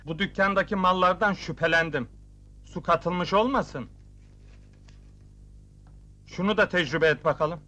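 Goofy young town inspector, highish bright voice, acting tough then tripping over his words. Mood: mock-stern. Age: young adult. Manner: bumbling, mock-stern, quick to backpedal. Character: naive, clumsy young male municipal officer, comic. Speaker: municipal officer character.

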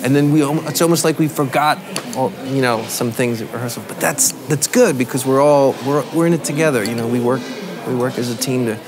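A man's voice: mid-range voice, brisk, few pauses, crowd noise. A man in a backstage interview, talking reflectively and restarting his sentences. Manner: reflective, thinking aloud with restarts. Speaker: band musician. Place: backstage room with curtains.

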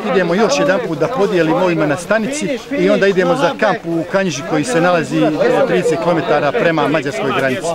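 A man giving a quick on-the-spot field report outdoors at a refugee camp, speaking with frequent "e" pauses. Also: on the high side. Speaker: aid worker reporting on camera. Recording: loud crowd noise outdoors. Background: loud crowd.

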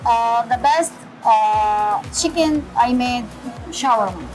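A middle-aged woman chef with a Syrian accent, answering interview questions in halting English with many pauses, in a small restaurant kitchen. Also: fairly high pitch, darkish tone, low-quality recording. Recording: background music.

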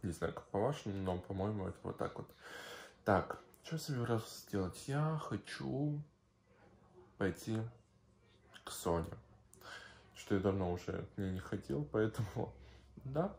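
A man's voice: on the low side, expressive, measured pace, vocal fry, long pauses, darkish tone. A young man chatting casually and slangily in a rambling video diary. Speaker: vlogger. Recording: faint background noise with clicks.

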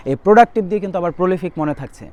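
A young man teaching vocabulary for admission tests, repeating word lists quickly as a tutor. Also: sits high, expressive, darkish tone, dull audio. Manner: rapid, repetitive drilling of word lists. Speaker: English tutor. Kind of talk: admission test vocabulary lesson.

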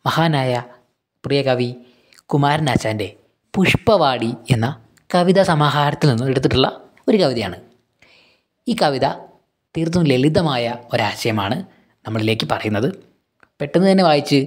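A man explains a children's poem in a relaxed lesson, at an ordinary mid pitch. He is patient, repeats points and poses simple questions before answering them himself. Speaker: teacher.

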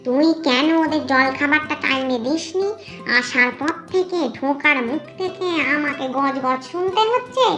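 A woman voicing a sharp-tongued, fed-up female ghost servant in a cartoon story, grumbling and scolding in rustic speech. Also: sits high, normal speed, faint music behind. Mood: indignant.

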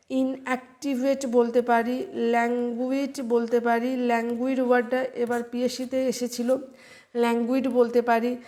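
A woman teacher leads an online vocabulary lesson in a fairly high voice that stays flat. She talks slowly, spells words out letter by letter and fills her pauses with a soft "ah".

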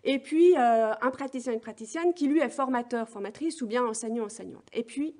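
A middle-aged woman giving an academic keynote on education research, speaking in measured, hesitant phrases full of fillers. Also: a little high, darkish tone. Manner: measured, thinking aloud with frequent hesitation fillers.

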